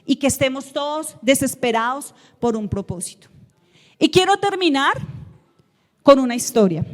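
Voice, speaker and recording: A woman's voice: high voice, long reverb tail. A woman preaching a sermon to her congregation, emphatic and full of rhetorical questions. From Colombia. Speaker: guest preacher. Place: church sanctuary.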